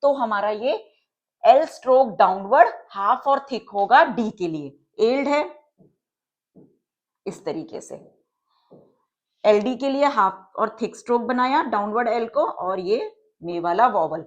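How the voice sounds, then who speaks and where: A woman teacher giving a patient, step-by-step lesson, checking that her students follow along. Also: on the high side.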